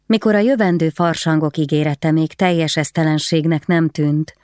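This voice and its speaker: Measured woman reading a historical novel. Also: low-pitched, a little mellow, no echo, clean studio sound. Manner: measured, descriptive. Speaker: audiobook narrator. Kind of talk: scripted literary narration.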